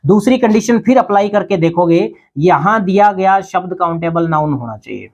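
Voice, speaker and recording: A man's voice: sits high, lively intonation, moderate pace, lo-fi sound. Guy teaching grammar class, asks his own questions then answers em, keeps checking "thik hai na". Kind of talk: grammar lesson.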